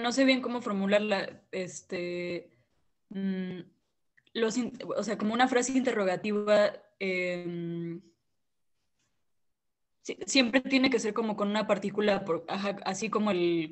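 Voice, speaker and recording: A woman student asking a question in an online class, hesitant and full of fillers. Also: mid-range voice.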